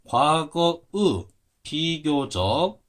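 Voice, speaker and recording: A man's voice: a little high, very animated, very slow, fairly bright tone. A man teaching English grammar to Korean learners, explaining patiently at a board and spelling words out letter by letter. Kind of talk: explaining at a whiteboard.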